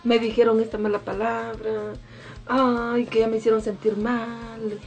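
A woman's voice: fairly high pitch, flat delivery, a little slow, gravelly, a little mellow, dull audio. A mother in a casual devotional talk, speaking emphatically and repeating key phrases.

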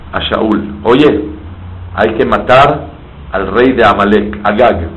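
A man delivers a teaching sermon, explaining Hebrew words one by one. He poses questions to his listeners and answers them himself. The recording is slightly dull, with a faint hiss underneath. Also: fairly low pitch. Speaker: rabbi teaching Torah.

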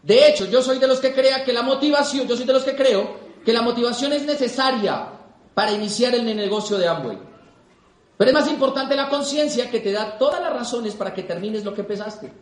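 A young man giving an animated seminar talk to a live audience, repeating points for emphasis. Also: very high voice, brisk. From Colombia. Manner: animated, repeats for emphasis, acts out quoted people. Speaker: motivational speaker. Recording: echoey hall.

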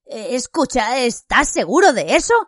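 A woman voicing a teenage boy wizard who speaks in a hurried, breathless way. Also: on the high side, sing-song, slightly rough, no echo, clean studio sound, soft background music, pitched above the performer's own voice.

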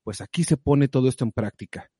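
A man giving lively, direct, motivational advice in a casual conversation. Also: medium pitch, fairly quick, slightly rough, no room sound, clean studio sound. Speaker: guest sharing advice.

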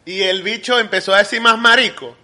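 A man from Caracas with a Caracas Venezuelan accent, co-hosting a casual podcast chat in a relaxed, agreeable way and adding quick quips. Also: high-pitched. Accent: Caracas Venezuelan Spanish. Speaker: podcast co-host.

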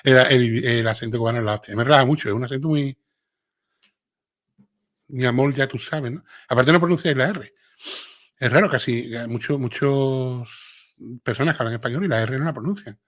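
A man's voice: medium pitch, a little fast, fairly bright tone. A middle-aged man with a Sevillian Andalusian accent, hosting a casual live chat and reading viewer comments aloud. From Seville, Spain. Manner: chatty, reads viewer comments aloud, frequent filler tags. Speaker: livestream host.

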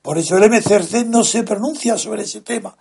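A man talks through his point as a guest, slow and deliberate, hitting key words with weight. His voice sits fairly high for a man and has a husky, slightly rough edge. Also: a little mellow. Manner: slow, deliberate, lecturing, emphatic stresses. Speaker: guest speaker. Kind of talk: measured explanatory talk.

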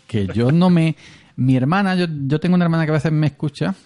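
A man from Andalusia co-hosts a podcast, chatting casually in an Andalusian Spanish accent while rambling and laughing often. His voice is on the high side, brisk and a little mellow.

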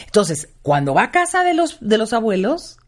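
Older woman, lively storytelling. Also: a little high, normal speed. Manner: animated storytelling, acting out quoted people. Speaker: child psychologist guest. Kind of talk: radio interview talk.

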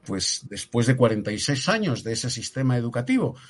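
Spanish guy from spain ranting on a talk show, husky voice, pitch swinging up and down a lot, keeps throwing in rhetorical questions. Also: very animated, a little fast. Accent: Peninsular Spanish. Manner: emphatic, rhetorical questions, frequent tag "¿eh?". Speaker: political commentator. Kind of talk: opinionated talk show commentary.

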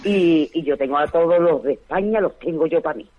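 A woman's voice: deep voice, fairly quick, dark tone, rough recording. An older woman, a talkative and outspoken guest chatting in a casual, colloquial way. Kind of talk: casual phone interview.

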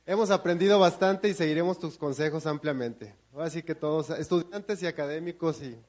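A man's voice: a little high, brisk, darkish tone. A man giving polite, formal thanks to a speaker on behalf of the organizers. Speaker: event organizer.

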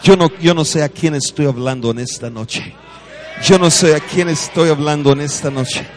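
High-pitched preacher shouting fiery declarations. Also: male voice, moderate pace, slight background noise. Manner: swings between shouted declarations and quiet storytelling; calls on the congregation to repeat phrases. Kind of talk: charismatic sermon.

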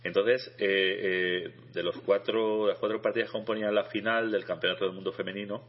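A man co-hosting a radio show in casual chat, halting and repeating his words as he goes. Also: on the low side, steady tone. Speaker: radio chess show co-host. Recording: dull lo-fi radio sound.

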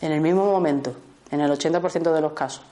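Woman, Spain accent, lowish voice, animated teacher for a small group, acts out quick exchanges. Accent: Spanish from Spain. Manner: lively, often checks in with "¿vale?" and acts out short dialogues. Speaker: workshop teacher.

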